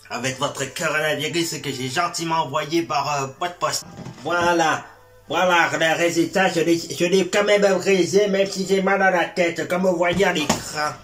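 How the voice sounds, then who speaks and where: A man voicing a cocky sketch-comedy martial arts master who drawls in a put-on Québécois French accent. His pitch sits a little high, and his speech is slow and drawn out. His voice sounds worn out, and faint music plays behind him. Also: fairly bright tone. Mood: pained. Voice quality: swaggering, insulting, mock-solemn. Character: boastful self-styled male martial arts master.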